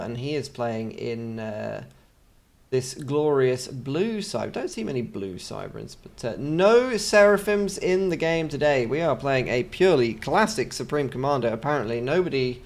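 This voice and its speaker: A man's voice: medium pitch, gravelly. Chatty English man casting a strategy game. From England. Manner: chatty, joking asides. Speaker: game caster. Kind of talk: video game commentary.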